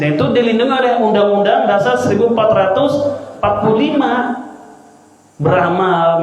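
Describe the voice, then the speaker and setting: A man teaching a religious study lesson, quizzing his listeners with repeated questions. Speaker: Islamic teacher. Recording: booming echo, long hall reverb.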